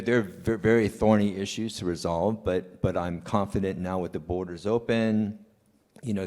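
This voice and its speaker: Very low-voiced guy from taiwan, earnest panel talk, long hall reverb. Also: darkish tone. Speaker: conference panelist. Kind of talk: panel discussion.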